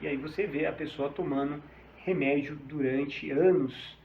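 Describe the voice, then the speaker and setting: Higher-voiced Brazilian man explaining, echoey room. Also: fairly even intonation, unhurried, gravelly, slight background noise. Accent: Brazilian Portuguese. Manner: informal, often adding "tá?" and "né?". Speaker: psychologist. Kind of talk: explanatory talk to camera. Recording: echoey room, slightly dull sound.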